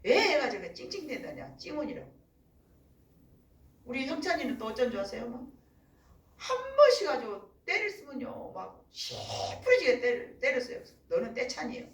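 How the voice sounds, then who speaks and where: A middle-aged woman pastor giving a sermon in animated storytelling, often acting out other voices. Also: high-pitched, moderate pace, roomy sound, recorded from a distance, rough recording. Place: church.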